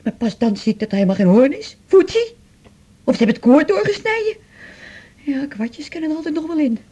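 In a radio drama, an actress plays a confused, depressed patient who rambles hesitantly, jumps between thoughts, and pleads. Her voice is high, sing-song, mellow and a little fast, with an agitated, gloomy mood.

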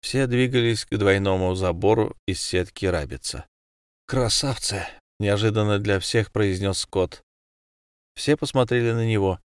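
A man narrating an audiobook in a steady, measured way. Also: fairly low pitch, clean tone, dry recording, clean studio sound. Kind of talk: scripted narration.

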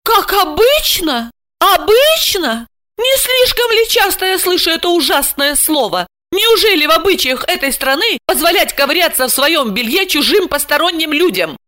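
A woman voicing a hot-tempered, indignant housewife who snaps and shouts. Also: very high voice, sing-song, moderate pace, voice pushed up, exaggerated voice. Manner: loud, snapping, exclamatory.

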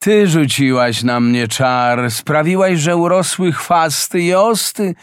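A man voicing a grateful talking meadow in a storybook reading, speaking slowly and from the heart. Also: on the high side, clear, resonant tone, no room sound, clean studio sound, pitched above the performer's own voice. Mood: grateful, reproachful. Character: freed meadow, gentle and grateful.

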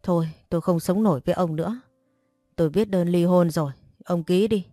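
A woman voicing a furious, wailing middle-aged mother who scolds and curses in a shrill way, read as an audiobook story. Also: a little fast, warm tone, no room sound, studio quality, faint music behind, close to an everyday voice.

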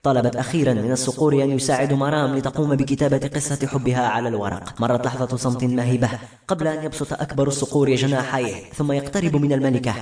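Fast-reading male storyteller, echoey room. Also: mid-range voice, steady tone, a little mellow. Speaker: audiobook narrator. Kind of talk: novel narration.

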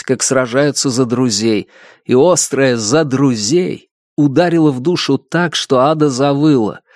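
An audiobook narrator reading a novel in an expressive storytelling manner. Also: mid-range voice, dry recording, clean studio sound.

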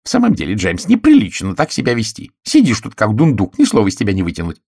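A bossy, know-it-all sister of middle age who scolds and insists on her theories, as a male audiobook narrator puts her on. The voice is pushed well above his own low register and keeps a gravelly, husky edge. It is a storybook reading in a dry, close room. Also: wildly swooping pitch, fast talker, a little mellow, dry recording, full character voice. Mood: insistent.

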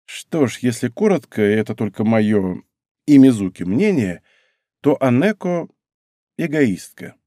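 A man voicing a calm, blunt young woman speaking in a measured, thoughtful way. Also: mid-range voice, dry recording, clean studio sound.

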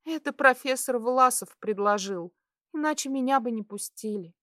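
A woman voicing a tender, tearful young wife who speaks softly and pleads. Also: fairly high pitch, normal speed, no echo, clean studio sound, pitched above the performer's own voice, lightly acted. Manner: soft whispering, pleading.

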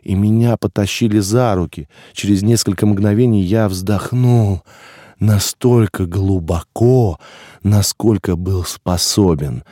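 A man reading an audiobook as scripted first-person narration, dramatic and expressive, rising to shouts in tense scenes. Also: on the low side, takes it slowly, no room sound, studio quality.

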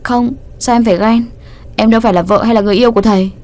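A woman voicing a quick-tempered teenage schoolgirl in a storybook reading, sharp-tongued and easily riled. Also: fairly high pitch, steady tone, natural voice. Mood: huffy.

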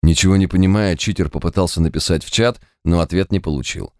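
A low-voiced man narrates a scripted audiobook at a fast clip, voicing every character himself with expressive delivery. The recording is dry and studio quality.

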